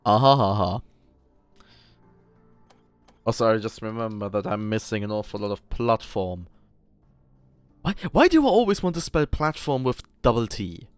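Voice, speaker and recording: A man's voice: lowish voice, big pitch swings, moderate pace, long pauses, clean tone, no echo, soft background music. A German man with a German accent, streaming a building game and chatting casually, laughing often and swearing at himself. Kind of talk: casual chat while playing.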